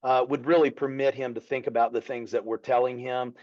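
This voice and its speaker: A man's voice: medium pitch, flat delivery, a little fast, a little mellow. Folksy Appalachian man coaching, dull sound. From Appalachia, United States. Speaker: strength coach, co-host. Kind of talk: casual coaching commentary.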